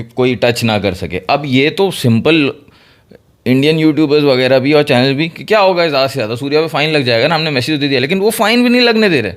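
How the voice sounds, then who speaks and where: A man, co-hosting a casual cricket chat and explaining his views in a measured way. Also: medium pitch. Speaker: co-host.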